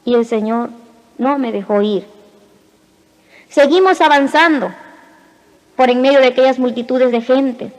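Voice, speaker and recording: High-voiced woman giving an emotional testimony. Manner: emotional, with short phrases and dramatic pauses. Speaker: testimony speaker. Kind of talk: spoken religious testimony. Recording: reverberant hall.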